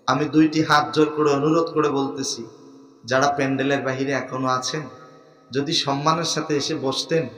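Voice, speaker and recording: A man from Bangladesh, preaching a sermon at an outdoor gathering under a large tent. He swings from quiet coaxing to shouted calls for the crowd to respond. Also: fairly high pitch, reverberant, in a large hall. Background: crowd of listeners.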